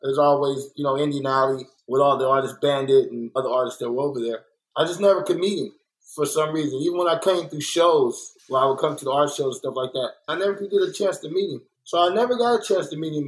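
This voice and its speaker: Man, artist guest from LA; candid storyteller in a casual interview, fairly high voice. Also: poor audio. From Los Angeles. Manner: candid, storytelling, animated when quoting others. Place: art workspace.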